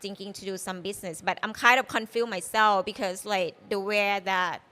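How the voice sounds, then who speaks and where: In a relaxed interview, a guest chef in her thirties from Thailand talks at an ordinary pace in English with a Thai accent. Smooth and clear at a moderate pitch, she rambles loosely, sprinkling in "like" and "you know" again and again.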